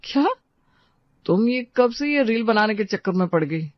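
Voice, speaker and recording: A voice actor playing a caring, patient young husband in a cartoon story, speaking gently and coaxingly. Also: medium pitch, lively intonation, moderate pace, no echo, close to an everyday voice. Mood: gentle. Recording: dry, slightly dull lo-fi sound.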